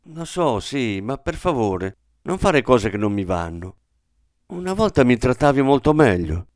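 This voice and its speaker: A man's voice: mid-range voice, big pitch swings, a little slow, no room sound, clean studio sound. A man reading the lines of a proud, idealistic young woman in a radio reading. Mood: firm.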